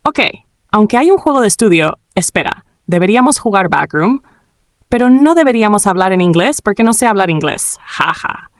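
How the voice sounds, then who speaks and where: Female narrator, scripted read, medium pitch, dead-dry close recording. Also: big pitch swings, normal speed, no room sound.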